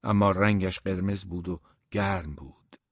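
A man narrating a novel as an audiobook in a measured, grave storytelling tone. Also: low voice, fairly even intonation, no room sound. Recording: dull, dry recording.

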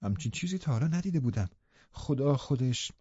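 A man reading an audiobook, voicing an old pious male servant who speaks in a hushed, slow, disapproving way. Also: mid-range voice, lively intonation, breathy edge, no room sound, highs cut off. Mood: shocked. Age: older.

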